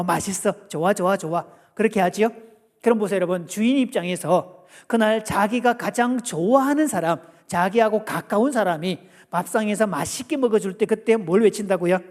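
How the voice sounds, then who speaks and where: A man giving a lively church family seminar, playfully asking the audience questions and acting out quotes. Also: high voice. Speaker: guest seminar lecturer. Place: church sanctuary. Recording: long church hall reverb.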